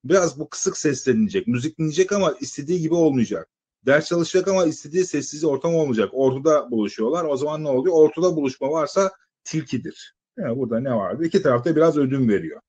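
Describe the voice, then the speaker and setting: A man lecturing exam candidates in a slightly husky voice. He talks in a loose, conversational way, firing rhetorical questions at the class and stretching out filler sounds while he thinks. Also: on the high side, lively intonation, fast talker, mellow. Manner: asks students rhetorical questions, many "e" fillers. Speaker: exam-prep teacher. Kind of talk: live lecture to students.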